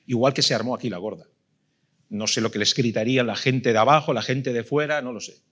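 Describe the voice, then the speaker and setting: A man's voice: mid-range voice, brisk, fairly bright tone, breathy edge. A middle-aged man with a Spanish accent from Spain preaching a sermon, emphatic and full of rhetorical questions that he repeats for weight. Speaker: pastor.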